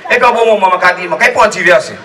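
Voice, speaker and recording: Man, high voice, church testimony, rambling and chuckling, far from the mic with a crowd around. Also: racing. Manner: rambling, lively storytelling with frequent laughs. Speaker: church member giving testimony. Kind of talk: spoken faith testimony. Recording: distant mic with crowd noise.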